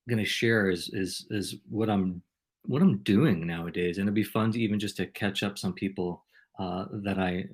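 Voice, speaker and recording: A man hosting a podcast and being interviewed, talking in an ornate, playful way. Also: lowish voice. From New York.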